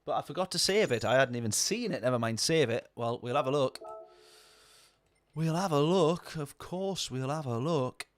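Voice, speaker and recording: A man's voice: mid-range voice, expressive, moderate pace. A man talking casually over a racing game stream, rambling and answering viewer chat. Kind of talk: casual gameplay commentary.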